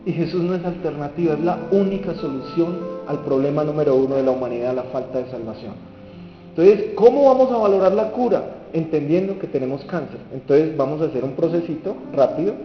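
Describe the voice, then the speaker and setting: Preacher in an echoing hall. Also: male voice, fairly high pitch, brisk. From Colombia. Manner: lively, acts out the people he quotes, asks the audience questions. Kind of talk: sermon. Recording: dull reverberant hall with faint music.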